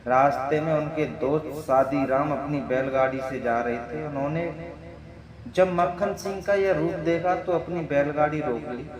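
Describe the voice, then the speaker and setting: A man from north India narrates a village folk tale in a loose, casual way, correcting himself mid-sentence. His voice sits a little high. The recording is roomy, with crowd chatter behind. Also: normal speed. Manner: loose, self-correcting storytelling. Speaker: storyteller.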